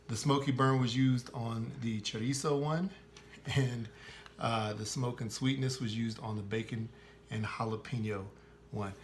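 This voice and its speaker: A middle-aged man talks the viewer through a barbecue recipe in a loose, friendly way, tripping over fillers and correcting himself as he goes. His voice sits at an ordinary male pitch, with a faint hum of noise behind him. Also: a bit bright. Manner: chatty, full of "uh" fillers and self-corrections. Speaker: host of a barbecue cooking channel. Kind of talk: casual cooking how-to.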